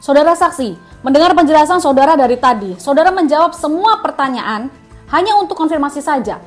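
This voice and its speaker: A woman's voice: a little high, soft background music, close to an everyday voice. A woman putting on a stern joking male judge. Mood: stern questioning. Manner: rapid insistent questioning. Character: middle-aged male presiding judge, stern yet joking.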